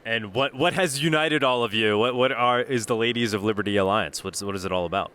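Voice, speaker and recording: A man interviewing guests in a bright, mid-pitched voice, restarting and repeating words as he gropes for each question. A faint convention hum runs behind him. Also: fairly quick. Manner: stumbling restarts, repeats words when asking. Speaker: podcast host, interviewer. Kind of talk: casual interview. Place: busy convention venue.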